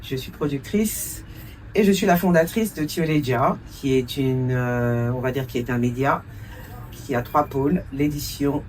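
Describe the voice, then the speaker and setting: A woman in her forties who grew up in France answers interview questions as a cultural entrepreneur and producer, using an extremely low, darkish voice at a measured pace. She is thoughtful, hesitating often and mixing in a few English words, and the mic sounds distant.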